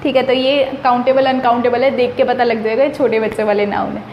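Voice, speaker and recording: A woman's voice: a little high, little pitch movement, quick pace, roomy sound, muffled recording, slight background noise. A woman teaching English grammar in a chatty, emphatic way, slipping English phrases into her explanations. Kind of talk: casual explanatory lesson.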